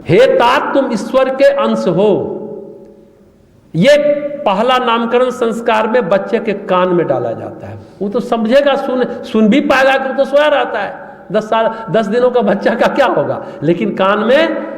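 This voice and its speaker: Male spiritual speaker, very high voice, chatty questioning sermon, roomy echo. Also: very animated, moderate pace. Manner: conversational preaching, asks the audience questions. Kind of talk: Hindi spiritual discourse. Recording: echoey hall, long reverb.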